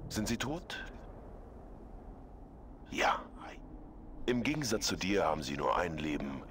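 A man voicing an ancient, cold, deathless male being in a rasping, breathy whisper, slow and disdainful. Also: low-pitched, very animated, a bit bright, a little hiss or hum, voice pushed down, heavily acted. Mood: scornful.

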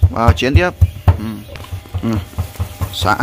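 A man's voice: mid-range voice, very animated, slow, very noisy. Rambling man vlogging. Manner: rambling, repeats "there" often, coaching someone. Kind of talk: casual vlog narration and instructions.

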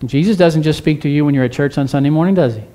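A man's voice: a little high, rapid-fire, mellow. A male pastor preaching a sermon in a church, urging listeners with repeated phrases and questions to the congregation. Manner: earnest, repetitive exhortation with rhetorical questions.

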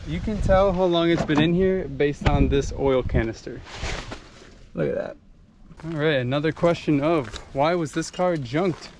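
Young Midwestern man, offhand running commentary, filmed on an action cam outdoors, clear background noise. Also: on the high side, measured pace. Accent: American Midwest. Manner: offhand, muttering car names to himself. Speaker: car vlogger. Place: outdoor junkyard, later inside a car. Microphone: handheld action camera.

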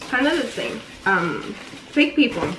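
A woman's voice: a little high, sing-song, a little slow. A woman hosting a casual couple vlog, chatty and laughing often as she asks questions. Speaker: vlogger host. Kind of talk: casual chat. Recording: echoey room, voice a bit far off, faint ambient noise.

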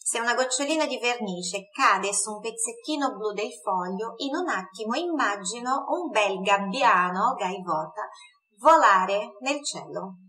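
A woman teaching an online Italian lesson in Portuguese, slowly repeating words for pronunciation. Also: a little high, lively intonation, bright, forceful tone, poor audio.

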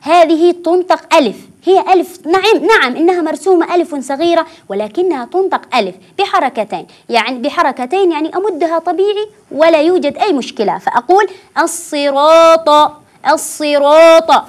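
A woman teaching children Quran recitation on a TV program, patiently repeating words slowly syllable by syllable. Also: very high voice, expressive, a little mellow. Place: TV studio.

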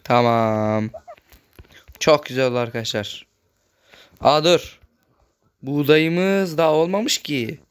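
A man with a high-pitched, clean and smooth voice commentates his own gameplay in a relaxed, chatty way. He speaks slightly raised, as if making sure he is heard, and keeps turning to his viewers like old friends. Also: slow pace, pauses often. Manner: talks loudly on purpose so the voice carries. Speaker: gaming channel host.

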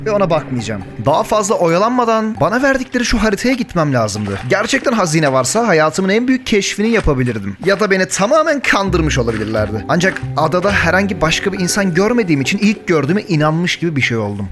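High, lively young man gaming. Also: fast, few pauses, faint music behind. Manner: jokey, panics and yells when chased. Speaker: gaming YouTuber. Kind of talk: Minecraft let's play with story narration.

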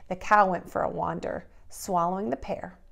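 This is a middle-aged woman voicing a preschool teacher who reads aloud and gives instructions to little children, deliberately and with expression. Her pitch is fairly low and her tone steady, gravelly and a bit bright.

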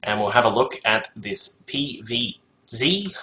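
A man's voice: mid-range voice, animated, a little slow, sharp tone, a little hiss or hum, rough recording. A man casting a strategy game match alone from his home computer, chatting casually with many fillers and asides to the chat. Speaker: game caster. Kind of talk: solo esports commentary.

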